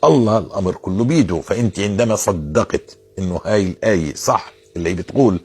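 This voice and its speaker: Man, religious advice talk, earnest, repetitive, low voice, husky. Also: fast talker, a little mellow, faint music behind. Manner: earnest, insistent, repeats phrases for emphasis.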